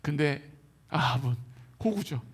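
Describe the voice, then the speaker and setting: A male pastor preaching a sermon in a lively, colloquial way, often acting out the people he quotes. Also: a little high, a little slow, husky. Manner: animated, colloquial preaching that acts out quoted voices. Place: church hall.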